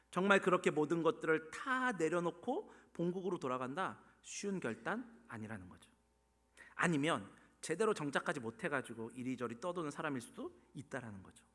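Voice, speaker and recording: A man preaching a sermon as pastor, swinging from loud pleading questions to hushed whispers. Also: a little high. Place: church sanctuary. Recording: long church hall reverb.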